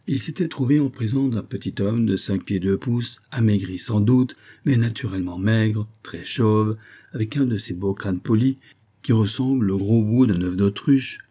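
A man narrating an audiobook in a measured, expressive reading. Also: fairly low pitch, breathy edge.

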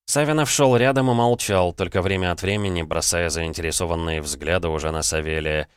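A man reads a first-person story aloud in a wry, conversational and even way. His voice is deep, smooth and clear, heard up close in a dry recording with no room sound. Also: a little fast, no echo. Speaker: audiobook narrator. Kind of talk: first-person audiobook narration.

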